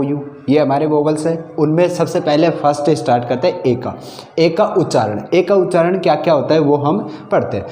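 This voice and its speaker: A man's voice: on the high side, dark tone. A man teaching a basic lesson, repeating his own questions to the class and answering them. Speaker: English teacher. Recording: echoey room.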